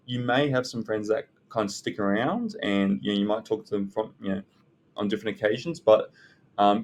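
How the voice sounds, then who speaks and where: A man giving unscripted self-development advice as a content creator, speaking in a hesitant, halting way with pauses. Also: on the low side, a little mellow, slight background noise. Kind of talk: unscripted advice talk to viewers. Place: indoors in a library.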